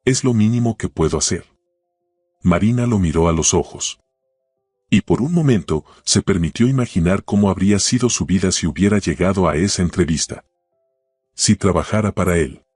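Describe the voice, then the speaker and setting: A man narrating a scripted drama story in a steady, measured way. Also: low voice, slightly rough, no room sound, clean studio sound.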